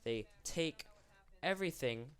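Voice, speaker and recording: This YouTube host is a young man with a fairly high, clean, fairly bright voice, delivered slowly and expressively. Sick and going hoarse, he rambles through an off-the-cuff commentary, openly correcting his own words.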